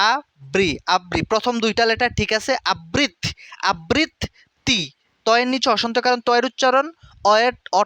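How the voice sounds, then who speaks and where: A man's voice: high-pitched, fairly bright tone, no echo. A young man teaching an exam-prep lesson, repeating words aloud and speaking straight to the students. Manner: repetitive, drills words aloud, direct instructive address. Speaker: tutor.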